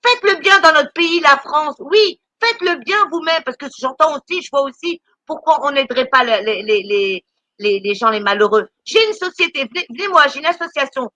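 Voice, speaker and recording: A woman's voice: high voice, lively intonation, moderate pace, pushed and bright, no echo. A woman doing charity work, ranting on a live stream, indignant and scolding, stammering and repeating words as she talks. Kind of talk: impassioned live-stream rant.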